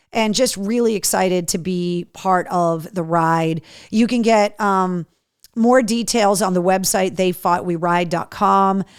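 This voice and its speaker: In smooth, echo-free studio quality, a middle-aged woman who hosts radio and podcasts rattles off live-show and event announcements. She's upbeat and chatty with plenty of ums, her voice deepened and worn from years on the mic.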